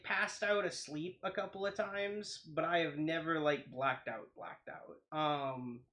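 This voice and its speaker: Bright-voiced rambling reaction host man. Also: a little high. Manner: rambling, restarts sentences often. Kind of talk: casual chat.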